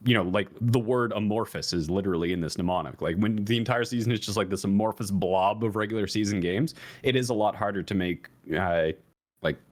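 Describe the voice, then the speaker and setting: A man co-hosting an esports talk show, explaining his view in a rambling way, with many restarts and fillers. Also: brisk. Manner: rambling with many restarts and fillers, jumps higher when emphatic. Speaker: esports podcast co-host. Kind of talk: casual analytical chat.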